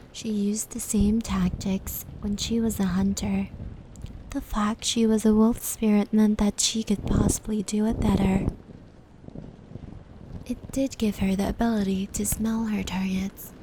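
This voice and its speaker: In an ASMR roleplay, a woman plays a gentle female yokai storyteller, a caring, protective companion, narrating in a medium-pitched, near-everyday voice. Her measured delivery is very unhurried, soothing, soft and breathy, often drifting into a whisper. Steady, clear indoor rain patter and fur brushing sounds are layered behind her.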